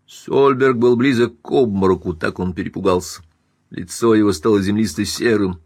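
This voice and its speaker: A man narrating a classic novel as an audiobook in a dramatic, measured reading. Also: on the low side, darkish tone, dry recording, clean studio sound.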